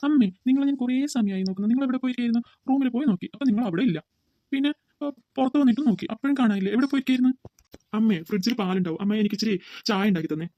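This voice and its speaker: Voicing a cartoon's grown son, a woman with a fairly high, mellow, near-everyday voice argues fast and pleadingly with his mother, earnestly standing up for his ill wife. There's no echo, though the recording is dull and lo-fi.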